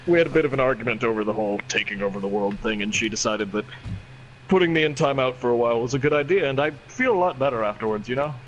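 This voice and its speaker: A man's voice: mid-range voice, expressive, racing, muffled recording, a crowd in the background, close to an everyday voice. A man playing a reformed evil wizard in a tabletop game, making breezy small talk. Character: reformed evil old wizard, chatty and mellow. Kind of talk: tabletop game role-play.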